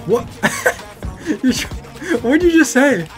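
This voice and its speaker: A man's voice: very high voice, big pitch swings, unhurried. A young man doing casual gaming commentary as a streamer, talking in hyped gamer bro slang. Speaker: video game streamer. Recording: music and game gunfire behind. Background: background music, game gunfire.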